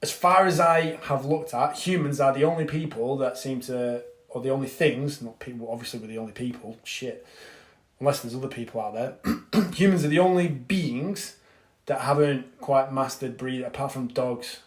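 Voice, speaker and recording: A man's voice: mid-range voice, moderate pace. A man, a fitness coach, giving a casual live-stream breathing lesson and answering viewers. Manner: chatty, reads out viewer comments, swears casually. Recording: echoey room.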